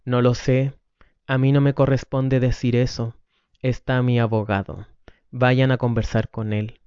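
A man's voice: medium pitch, flat delivery, measured pace, a little mellow, clean tone, no echo, natural voice. A man reading the lines of an angry, cornered man who curtly refuses to help, on a dull lo-fi recording. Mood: refusing. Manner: curt, defensive, refusing.

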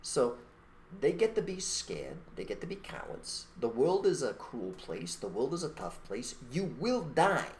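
Very animated but keeping a measured pace, this podcast co-host speaks in a highish voice, pressing his opinions bluntly and emphatically through rhetorical points. There's slight background noise.

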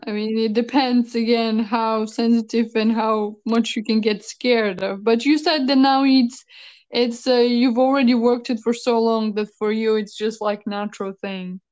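Woman interviewer, casual questions, halting, filler words, a bit high-pitched. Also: fairly even intonation, a little mellow. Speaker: interviewer host.

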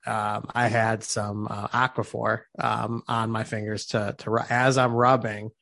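A man's voice: lowish voice, level tone, a little slow, gravelly, fairly bright tone, no echo. A young man co-hosting a podcast, telling candid, profane stories about being a new parent. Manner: candid storytelling, swears freely. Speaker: podcast co-host. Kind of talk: casual chat.

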